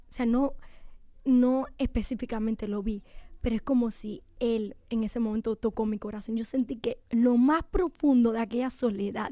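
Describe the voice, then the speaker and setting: A woman's voice: on the high side, warm tone, no room sound. A young woman giving an emotional personal testimony in a radio studio, often sinking to a near whisper.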